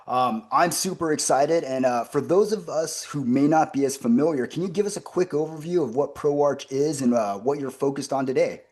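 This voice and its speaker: A man's voice: a little high, normal speed, few pauses, a little mellow. A man hosting a business interview podcast, upbeat and enthusiastic, with frequent fillers. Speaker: podcast host. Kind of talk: conversational interview.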